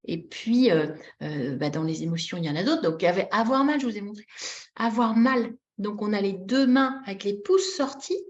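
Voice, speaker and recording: A woman leading a live teaching demonstration on a video call, animated and demonstrative, repeating key words and acting out short example phrases with expressive intonation. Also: medium pitch, normal speed. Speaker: webinar trainer teaching baby signs. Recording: dull lo-fi webinar audio.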